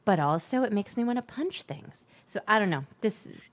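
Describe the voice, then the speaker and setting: A woman with a touch of vocal fry, chatting casually and animatedly as co-host. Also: medium pitch, lively intonation, fairly quick. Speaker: music teacher and co-host. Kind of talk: casual chat.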